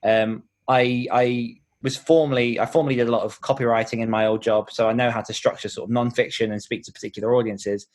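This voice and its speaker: Talking fast with hardly any pauses, this man keeps a steady tone at medium pitch. He's a podcast host and author answering interview questions earnestly, explaining things and working through his thoughts out loud.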